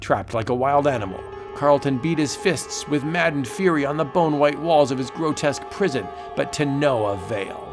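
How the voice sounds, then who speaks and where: A man's voice: fairly high pitch, normal speed, few pauses, music in the background. A man narrating a vintage horror comic book in a melodramatic, theatrical manner.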